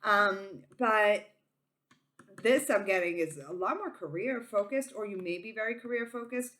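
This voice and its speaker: A woman's voice: medium pitch, expressive, moderate pace, a bit bright. Casting: female tarot channel host, Boston accent, mid-range voice, tired and silly, slangy, affectionate chat with her viewers. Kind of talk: casual, chatty psychic reading to viewers.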